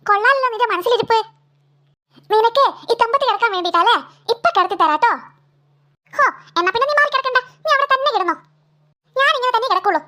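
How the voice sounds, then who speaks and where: Whiny bickering cartoon girls, voiced by a woman, very high, bright, fast. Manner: whiny, stubborn squabbling. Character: bickering young daughters, stubborn and cheeky.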